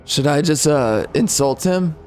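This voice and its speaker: Male game streamer, casual and slangy, slightly high voice, unhurried halting delivery, faint music behind. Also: lively intonation, a little mellow. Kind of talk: casual gameplay commentary.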